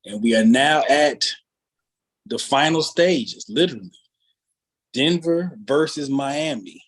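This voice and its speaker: A man's voice: medium pitch, expressive, slow, husky, rough recording. A man hosting a casual basketball podcast chat, talking in a loose, conversational way and drawing out his phrases. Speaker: podcast host.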